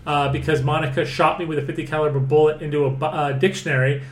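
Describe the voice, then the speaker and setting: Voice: mid-range voice, fairly even intonation, quick pace. A podcast host chatting casually in a rambling, filler-heavy way that breaks into swearing. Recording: roomy with faint noise.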